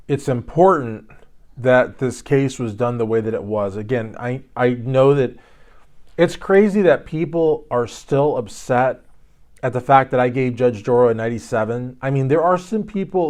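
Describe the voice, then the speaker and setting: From Louisville, Kentucky, a male YouTube host gives casual commentary on a court case, rambling loosely, restarting, and drifting into joking asides. His voice sits at an ordinary middle pitch for a man and is a little mellow.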